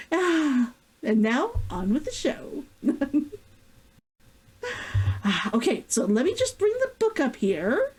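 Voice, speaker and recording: High, sing-song and slightly mellow, a woman hosts a stream as a vtuber author. Effusive and giggly, she lets out long sighing interjections while chatting excitedly and reading passages of her own novel aloud.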